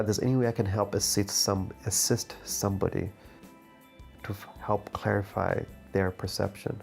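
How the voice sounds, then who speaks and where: A man's voice: fairly low pitch, vocal fry, darkish tone. A man from Zimbabwe, an artist and art teacher, speaking thoughtfully in a documentary interview and searching for his words.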